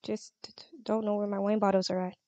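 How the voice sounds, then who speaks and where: A woman's voice: medium pitch, level tone, quick pace, warm tone, dry recording, dull audio. A young woman playing her own character in a Minecraft role-play, talking in a stammering, giggly and flustered way into a close mic. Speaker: role-play channel host.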